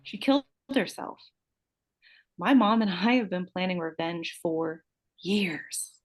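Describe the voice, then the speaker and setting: In a live screenplay table read, a woman plays a vain, unhinged beauty-queen murderer, taunting and swearing with theatrical flair and bursting into dramatic outbursts. Her voice sits on the low side and moves slowly, smug and cold.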